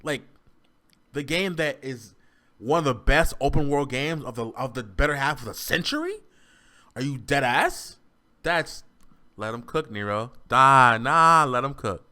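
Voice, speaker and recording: A man's voice: medium pitch, moderate pace. A man in casual game-review banter, incredulous and stammering as he argues back. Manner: animated, incredulous, stammering restarts.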